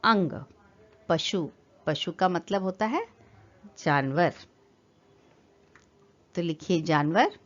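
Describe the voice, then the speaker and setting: A woman's voice: on the low side, expressive, extremely slow, pauses often, highs cut off. A woman teaching a children's lesson, patiently spelling words out for young kids.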